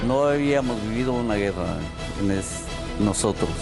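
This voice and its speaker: A man dubbing an eyewitness who gives a halting recollection in an interview. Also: fairly low pitch, expressive. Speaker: eyewitness, dubbed. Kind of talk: dubbed interview testimony. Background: loud music.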